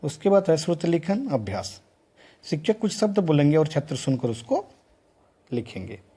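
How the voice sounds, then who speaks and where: His fairly high, mellow, husky voice has a sing-song lilt and a moderate pace. The middle-aged man is teaching future teachers in a lecture, reciting examples singly and restarting again and again.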